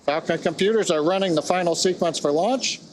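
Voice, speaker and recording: A man's voice: sits high, a little fast, poor audio. A man hosting a launch webcast with explanatory, matter-of-fact technical commentary. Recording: faint background noise.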